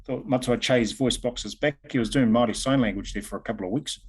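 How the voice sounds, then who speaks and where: A man's voice: medium pitch, quick pace, slightly rough. A man with a New Zealand accent hosting an informal presentation on a video call in a chatty manner. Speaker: host and presenter. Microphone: video call microphone.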